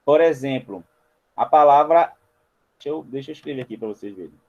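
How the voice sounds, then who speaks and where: A man's voice: medium pitch, expressive, fairly quick, muffled recording, a little hiss or hum. A man teaching a spelling lesson at a board, walking viewers through each example step by step. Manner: explains step by step, often pointing things out to viewers.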